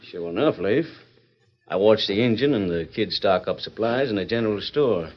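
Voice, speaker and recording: A man's voice: lowish voice, lively intonation, moderate pace. Eager sneaky cowboy henchman, old western drama, folksy, lo-fi audio. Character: sly, eager male outlaw errand man in a western. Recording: dull lo-fi vintage recording.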